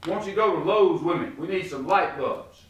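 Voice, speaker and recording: A man voicing his wife as a brisk, bossy woman giving orders, with a raised voice. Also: on the low side, distant mic, close to an everyday voice. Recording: roomy echo.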